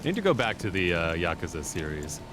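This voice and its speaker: Low-voiced man streaming a game. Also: wildly swooping pitch, a little fast, very noisy. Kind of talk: casual live game commentary. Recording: music and game sound behind.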